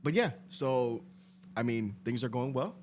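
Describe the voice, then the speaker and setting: A man in his thirties talks casually with friends on a podcast. He sounds relaxed and uses easy slang, and his voice sits at a middle pitch. Faint noise sits behind him. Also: unhurried. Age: 30s. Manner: relaxed, laid-back, slangy. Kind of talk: casual chat.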